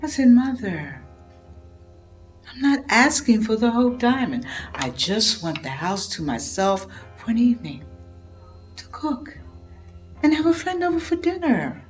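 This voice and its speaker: A woman's voice: on the high side, very animated, a little slow, long pauses, soft background music. An actress playing an exasperated grown daughter in a dramatic monologue, telling her story with emphatic indignation. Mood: exasperated, pleading. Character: exasperated grown daughter recounting fights with her domineering mother.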